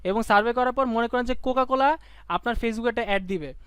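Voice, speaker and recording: A young man with a Bangladeshi Bengali accent teaching a live online class, calling on students to shout answers and drilling points by repetition in a playful way. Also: very high voice, a little fast, clean tone, no room sound, studio quality. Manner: playful, slips into sung lines and mock phrases.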